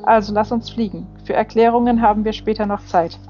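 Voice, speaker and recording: A woman's voice: medium pitch, steady tone, fairly quick, dark tone, natural voice. A hard, battle-worn female angel used to giving orders, speaking in clipped, urgent commands, as a woman reading an audiobook puts her on. The sound is a little dull, with faint music underneath. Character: stern commanding older female warrior angel.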